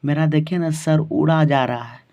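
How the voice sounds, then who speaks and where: A man's voice: a little high, fairly even intonation, moderate pace, vocal fry. A man with a Bihari Hindi accent voicing a sulky young mother complaining about her mother-in-law, in a dull lo-fi recording. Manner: whiny, complaining.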